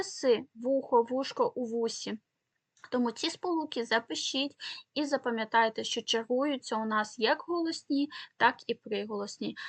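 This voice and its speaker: A woman teacher with a Ukrainian accent explains exam material step by step, often pausing with fillers and checking in with the class. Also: a little high, fairly bright tone, no room sound. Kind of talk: exam-prep lesson.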